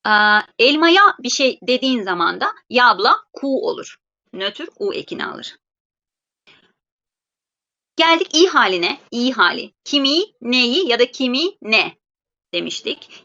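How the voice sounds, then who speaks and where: A woman with a fairly high, bright, forceful voice gives a live online grammar lesson. She explains step by step and slows down carefully for each example phrase. The sound is dull and lo-fi, like audio from a video call. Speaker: Russian language teacher.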